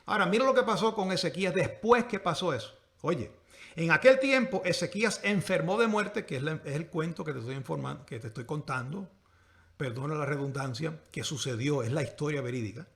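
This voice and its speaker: A man with a high, ringing voice delivers a passionate sermon, swinging between loud peaks and hushed, drawn-out phrases. He speaks straight to his listeners with pointed questions, and the sound carries the echo of a large room. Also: lively intonation. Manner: impassioned preaching, rising and falling volume, drawn-out emphasis; addresses the congregation directly with rhetorical questions. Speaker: pastor.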